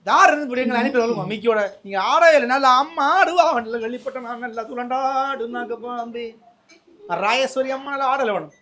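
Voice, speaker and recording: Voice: high voice, brisk, a bit bright. A presenter with a Sri Lankan Tamil accent, delivering a surprise gift and chatting in a playful, teasing way. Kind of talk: casual on-camera banter.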